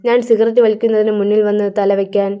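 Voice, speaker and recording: A woman voicing a blunt, mocking young male gangster in a storybook crime tale, with a teasing, gruff manner. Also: medium pitch, level tone, fast, dull audio, close to an everyday voice.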